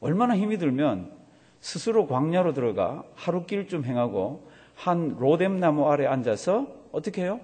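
Husky-voiced pastor preaching in a church. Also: male voice, fairly high pitch, normal speed. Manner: animated, acts out voices of crying babies and complainers. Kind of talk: sermon. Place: church sanctuary. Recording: long hall reverb.

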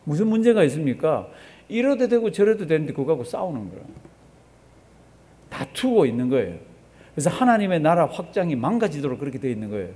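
A man with a slightly high, sing-song, dark-toned voice preaches a little fast. Conversational in style, the pastor questions his congregation rhetorically, gets them responding, and repeats phrases for emphasis.

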